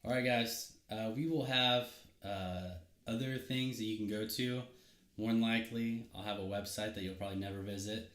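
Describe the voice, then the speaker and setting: A man co-hosting a podcast, telling a story in casual chat, animated and laughing often. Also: lowish voice, moderate pace. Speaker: podcast co-host. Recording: echoey room.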